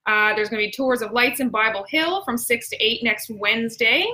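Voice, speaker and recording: Bright, chatty woman with a Newfoundland accent. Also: fairly high pitch, a little fast, rough recording. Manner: exclamatory, slangy, chatty. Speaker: host. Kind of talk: casual live-stream announcements and chat.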